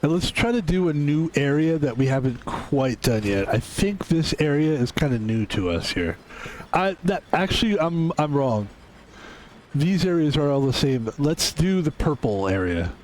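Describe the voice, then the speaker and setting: Here a fifties-aged man with a sing-song, on-the-high-side voice speaks at normal speed, a little hiss or hum under the audio. He's casually chatting while streaming a game, rambling and reflective, correcting himself as he thinks aloud.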